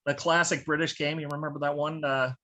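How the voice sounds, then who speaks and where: An American man doing self-deprecating stand-up comedy over a video call, halting with fillers and restarts. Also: a little high, flat delivery, sharp tone. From United States. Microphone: video call from home.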